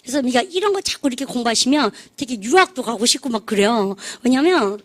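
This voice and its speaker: A woman's voice: fairly high pitch, lively intonation, fast talker. Chatty woman teaching English. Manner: chatty, drills students with call-and-response, laughs at own jokes. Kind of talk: lively classroom lecture.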